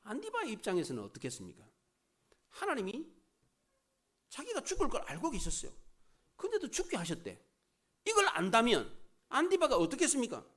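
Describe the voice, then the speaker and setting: Male pastor's sermon, very expressive pitch, many rhetorical questions. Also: a little fast, long pauses. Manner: rhetorical questions, dramatic rises and drops.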